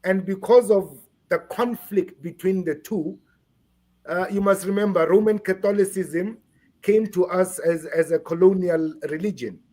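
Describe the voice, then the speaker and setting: A man from South Africa being interviewed on a podcast, speaking haltingly and repeating words while he searches for them. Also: sits high, mellow. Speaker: guest.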